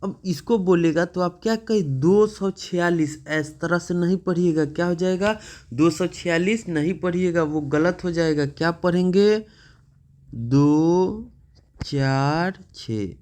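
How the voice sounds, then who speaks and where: A male math teacher with a slightly high, somewhat mellow voice speaks at a moderate pace. He patiently guides a lesson, posing questions and checking in often with "okay".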